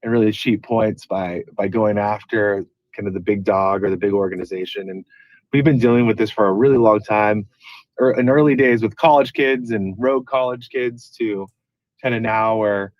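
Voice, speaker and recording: This caller is an activist organization leader speaking on his car's speakerphone as he drives, offering casual, earnest, rambling remarks full of restarts. His lowish voice stays fairly even at a moderate pace; there's no room sound and the highs are cut off.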